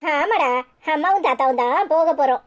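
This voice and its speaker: A woman's voice: high-pitched, lively intonation, normal speed, slight background noise. A woman voicing a stubborn, grumbling cartoon mother with a Tirunelveli Tamil accent and a sulky way of talking. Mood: fond. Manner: sulky, complaining.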